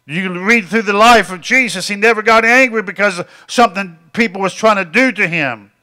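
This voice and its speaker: A man's voice: high voice, brisk, sharp tone. A middle-aged man preaching a sermon, dropping in frequent amens and repeating his phrases as he goes.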